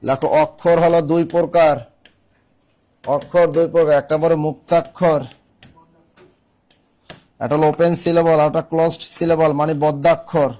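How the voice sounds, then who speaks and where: A man's voice: fairly high pitch, flat delivery, moderate pace, pauses often, warm tone. A male teacher giving a classroom lecture, repeating key phrases and quizzing his students. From Bangladesh.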